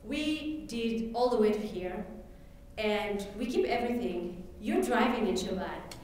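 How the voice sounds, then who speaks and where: Her mid-range voice animated and a little mellow, an Amharic-speaking Ethiopian woman tells her own story at an event hall. She's halting, full of fillers and restarts, captured by a distant mic in a very echoey room.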